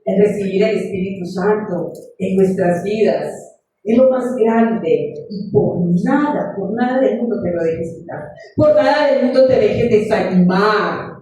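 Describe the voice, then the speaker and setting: A woman's voice: mid-range voice, a little slow, warm tone. A woman preaching a sermon, earnest and story-driven, calling her congregation beloved. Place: church. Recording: echoey room, far from the mic.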